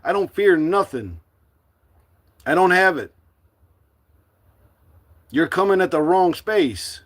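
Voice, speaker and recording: A middle-aged man from the United States speaking to his livestream viewers in a forceful, defiant, preachy monologue. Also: sits high, animated, takes it slowly. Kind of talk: impassioned live-stream monologue.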